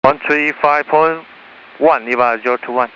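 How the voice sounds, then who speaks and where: Bright-voiced pilot over radio. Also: male voice, mid-range voice. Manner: brisk, clipped readbacks. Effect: pilot heard over aviation radio. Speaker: airline pilot. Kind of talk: radio readbacks to the tower. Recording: muffled radio with faint static.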